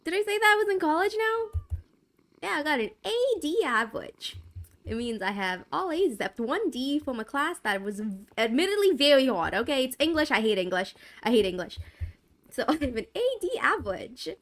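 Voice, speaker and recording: A woman's voice: sits high, big pitch swings, normal speed, a bit bright. A young adult woman streaming from a home gaming setup into a desk mic, chatting casually, giggly and rambling, often repeating herself. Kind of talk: casual live-stream chat. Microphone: desk microphone.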